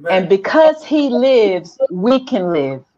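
Female preacher, measured declarative delivery, muffled lo-fi sound. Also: medium pitch, sing-song, mellow. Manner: slow declarative call and response. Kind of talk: sermon.

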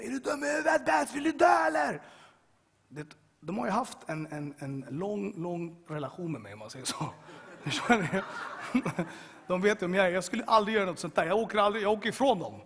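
A man giving a personal testimony to an audience, telling his story dramatically, swinging between loud bursts and hushed moments. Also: high voice, husky. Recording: long hall reverb.

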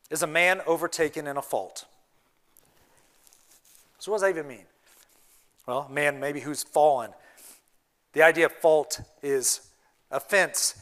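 A youth pastor preaching a sermon in his church, his voice high and bright, with a sharp, forceful edge. He swings between hushed, earnest passages and emphatic pushes. It is a steady pulpit delivery, not a chat. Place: church sanctuary.

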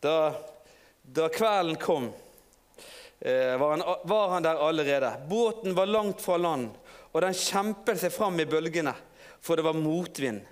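A man preaching in an informal storytelling way, halting and restarting often. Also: on the high side, animated, clear, resonant tone. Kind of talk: sermon.

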